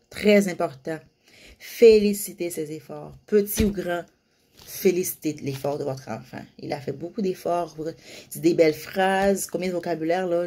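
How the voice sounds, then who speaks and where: Animated woman giving advice. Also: lowish voice. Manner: animated, acts out sing-song baby talk examples. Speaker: parenting vlogger giving tips. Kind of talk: casual advice talk to parents.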